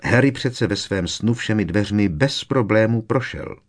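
A decisive teenage schoolgirl witch speaks in short, firm, bossy lines, as a man reading the story puts her on. The voice sits a little low, so she sounds steady and commanding. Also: natural voice. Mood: curt. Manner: brisk, firm delivery.

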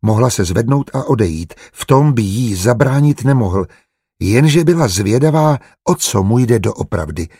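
A man narrating an audiobook in a measured, even reading style. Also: medium pitch, slightly rough, dry recording, clean studio sound.

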